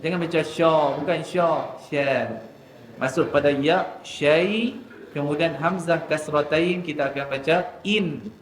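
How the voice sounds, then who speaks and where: A man teaching Quran recitation in a mosque class, drawing out letter sounds slowly before explaining quickly. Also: on the high side, a little hiss or hum. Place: mosque hall. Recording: echoey mosque hall with faint ambience.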